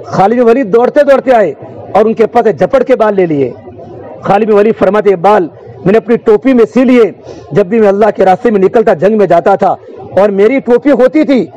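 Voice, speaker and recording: A man's voice: sits high, warm tone, lo-fi sound. A man preaching a sermon in an emotive, rhythmic oratorical style, with repeated refrains and recited verse.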